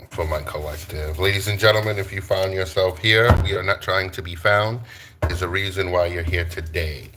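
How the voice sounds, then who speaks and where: A man's voice: low voice, noisy background. A man from Brooklyn, chatting playfully with viewers on a live tarot stream, joking and swearing freely. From Brooklyn, New York.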